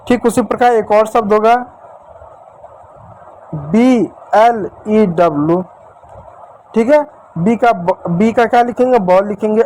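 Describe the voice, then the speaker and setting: A man's voice: high voice, darkish tone, slight background noise, low-quality recording. A male teacher giving a whiteboard spelling lesson, repeating himself and asking and answering his own questions. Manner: addresses viewers as dear children. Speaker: English teacher.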